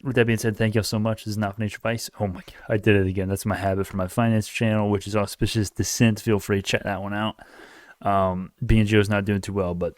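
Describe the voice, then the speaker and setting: A man's voice: fairly low pitch, level tone, fast talker, no room sound. A man in his late teens rambling through an opinionated political rant, often restarting and correcting himself. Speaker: YouTube commentator. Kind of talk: casual political rant to camera.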